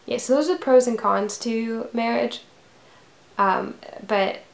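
A woman's voice: a little high, slow pace, creaky, roomy sound. A woman of twenty-one talking casually to camera in a vlog, rambling with many fillers. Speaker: vlogger.

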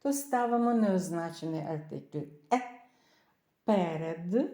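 A woman's voice: on the low side, animated, slow, mellow, echoey room. A woman teaching English vocabulary in a careful lesson, reading each word, translating it and spelling words out letter by letter. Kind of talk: slow, careful language lesson.

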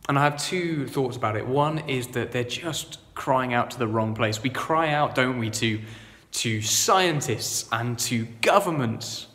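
Earnest preacher in an echoing church. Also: male voice, mid-range voice, a little slow. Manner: earnest, shifts from loud proclaiming to quiet reflection. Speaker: vicar. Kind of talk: sermon.

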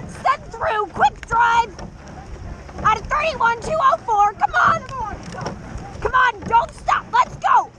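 Very high-pitched young woman coxswain, noisy recording. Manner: urgent, clipped, repetitive motivational calls. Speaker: rowing coxswain. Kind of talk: shouted race commands. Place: outdoors in a boat on open water. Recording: loud wind and water noise. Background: rowing clicks, water and wind.

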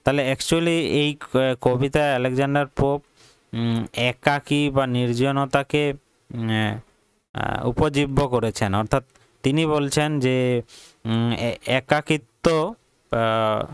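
Male tutor explaining a poem; hesitant, lots of fillers and restarts, crisp and resonant voice. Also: mid-range voice, slow, pauses often, no room sound. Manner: hesitant, many fillers and self-corrections; mixes English terms into Bengali. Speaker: English teacher. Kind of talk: classroom poetry lesson.

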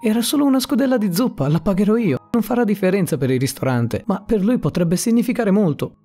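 A man voicing a poor young mother who is gentle, earnest and firm when needed. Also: high voice, expressive, fast, voice pushed up.

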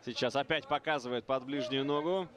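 A man's voice: mid-range voice, a little fast, crowd noise. A man co-commentating on a fight, giving analytical commentary.

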